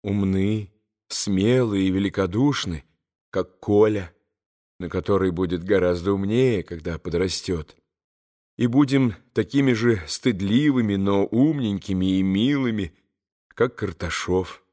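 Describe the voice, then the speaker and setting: A man voicing a gentle, earnest young man giving a tender speech in an audiobook. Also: fairly low pitch, unhurried, close to an everyday voice. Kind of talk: audiobook character reading.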